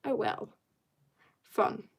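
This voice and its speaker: Speaking very slowly over slight background noise, a woman hosts a casual drawing stream. She reads out and answers viewer comments, says she's tired, and trails off into soft mutters as she draws.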